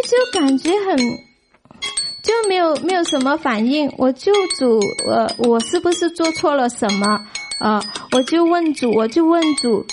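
Woman sharing a church testimony, high voice, animated, exclaims a lot. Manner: animated, exclaiming, many fillers. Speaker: church member giving testimony. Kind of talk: emotional personal testimony.

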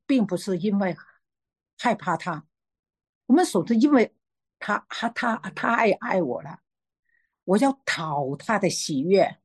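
Husky-voiced woman sharing a faith testimony. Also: mid-range voice, dry recording. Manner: hesitant, many restarts and fillers, lively when telling a story. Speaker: church member sharing a testimony.

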